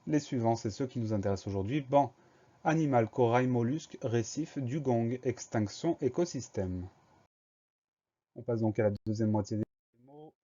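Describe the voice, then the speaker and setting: Male teacher, spelling lesson for kids, mellow voice, dull lo-fi sound. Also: medium pitch. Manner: slow, spells words letter by letter.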